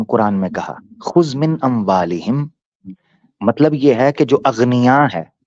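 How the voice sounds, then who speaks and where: A man hosting a debate, teasing and pressing his questioner, then slowing down to explain point by point. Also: medium pitch, darkish tone, no echo. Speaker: debate host answering a questioner. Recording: dull dry lo-fi sound.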